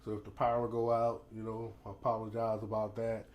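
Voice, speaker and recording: Here the livestream host talks in a fairly low pitch, brisk and entirely flat, over lo-fi sound. He's an American man running a relaxed, casual news commentary stream, his words slightly hampered by a teeth grill. Behind him there's ambient noise and a storm raging outside.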